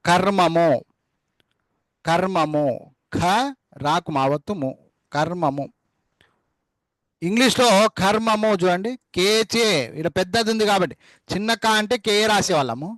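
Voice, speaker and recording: A man's voice: sits high, a bit bright, dry recording. A man teaching a spelling lesson, repeating each word several times and spelling it out letter by letter. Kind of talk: classroom dictation lesson.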